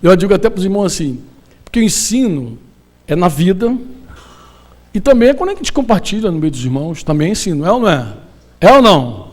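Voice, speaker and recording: A Brazilian pastor preaching a sermon to a gathering of church leaders, lively and colloquial, tossing questions to the audience. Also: male voice, sits high, brisk. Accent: Brazilian Portuguese. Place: conference hall.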